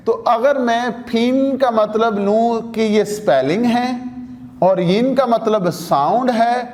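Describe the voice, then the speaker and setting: A man's voice: sits high, darkish tone. A man with a Pakistani Urdu accent teaching a language lesson, explaining step by step and asking and answering his own questions. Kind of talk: classroom lecture.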